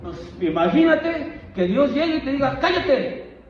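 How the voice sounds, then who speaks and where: A man's voice: very high voice, very animated, moderate pace, a little mellow, slight background noise. A man preaching a fervent sermon as pastor, repeating words and restarting phrases. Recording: echoey room, dull lo-fi sound.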